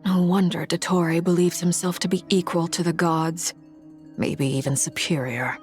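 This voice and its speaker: An actress playing an earnest, steady young adventurer in a video game. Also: female voice, lowish voice, moderate pace, faint music behind, close to an everyday voice.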